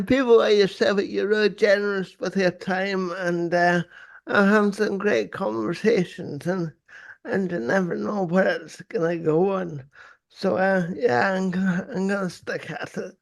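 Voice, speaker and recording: An older man hosting a casual podcast interview in a halting, repetitive way. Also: high-pitched, gravelly. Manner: halting, hesitant, repeats words. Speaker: podcast host. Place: small home room, video call. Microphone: close desk microphone on arm.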